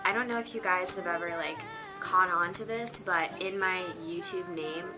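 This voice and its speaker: Young woman, nineteen, lower voice; rambling casual vlog chat from her bedroom with background music. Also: normal speed. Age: teens. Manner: chatty, rambling with many fillers. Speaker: vlogger. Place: her bedroom on a rainy day.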